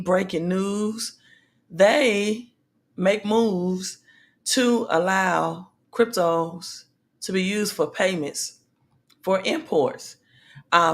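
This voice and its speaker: A female livestream host covers money news casually, addressing viewers directly as she stops and starts with many fillers and pauses. Her voice is medium-pitched and slightly raspy.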